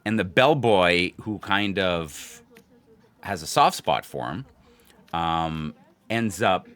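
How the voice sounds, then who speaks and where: A man chatting casually on a gambling livestream, thinking aloud in a halting way and calling out his play. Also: low-pitched, lively intonation, fairly bright tone. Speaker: gambling streamer.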